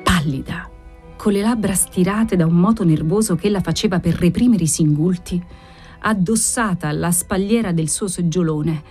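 A woman narrating a classic novel as an audiobook, in an expressive, theatrical reading style. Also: on the low side, normal speed, faint music behind.

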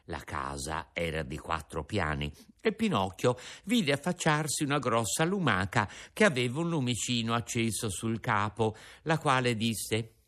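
A man narrating a storybook in an expressive, animated way. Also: mid-range voice, measured pace.

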